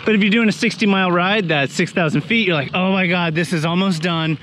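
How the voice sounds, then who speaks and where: A man's voice: high voice, a little fast, a bit bright, a little hiss or hum. A man in his thirties talking casually to camera while cycling outdoors, wry and a little breathless. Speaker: vlogger. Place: outdoors on a forest gravel road. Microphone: action camera on the bike.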